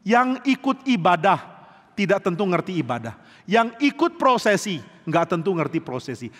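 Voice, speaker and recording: The voice is a man's, pitched high for a male speaker, preaching a sermon as a lively storyteller. He acts out scenes vividly as he goes, and a long church-hall reverb rings behind every phrase. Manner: animated storytelling, mimics music with sung syllables. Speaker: pastor. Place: church sanctuary.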